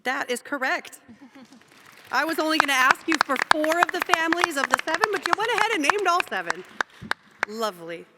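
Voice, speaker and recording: A woman's voice: high voice, big pitch swings, a little fast, heavy background noise. A woman moderating a quiz competition, reading questions aloud and joking between them, in a large event hall. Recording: long hall reverb.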